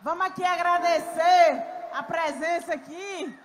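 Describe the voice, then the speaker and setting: A woman singer on a live stage, shouting greetings to the crowd between songs. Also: extremely high pitch, a little slow, background noise. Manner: shouting greetings over the band. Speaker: band singer. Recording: loud live band behind her.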